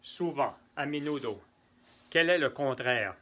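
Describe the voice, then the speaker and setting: A man's voice: mid-range voice, expressive, a little slow, bright, forceful tone. A man teaching French grammar to Spanish speakers, patiently repeating example sentences and translating them. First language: neither French nor Spanish. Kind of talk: bilingual grammar lesson.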